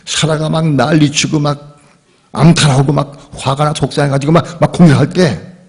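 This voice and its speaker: A male pastor preaching a sermon at a church service, telling the story in a lively, conversational and emphatic way. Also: fairly high pitch, moderate pace. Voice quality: husky, gravelly.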